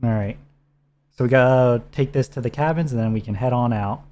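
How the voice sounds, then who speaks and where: A man co-hosts a game stream in relaxed, instructive chat. His voice sits dark and mellow, patiently talking a teammate through menus. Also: medium pitch, fairly quick. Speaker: streamer co-host. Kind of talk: casual gameplay chat.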